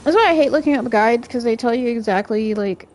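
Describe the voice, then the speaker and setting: A woman's voice: fairly high pitch, brisk, a little mellow, slight background noise. A young woman streamer giving casual gameplay commentary, thinking aloud with hesitant fillers.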